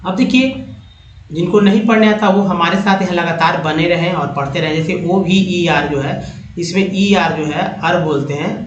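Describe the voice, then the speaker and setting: A man teaching English pronunciation from slides, repeating each word slowly and calling viewers friends. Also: high-pitched, fairly even intonation, reverberant, dull audio, a little hiss or hum. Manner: slow, drawn-out repetition of each word; addresses viewers as friends, frequent "next, look".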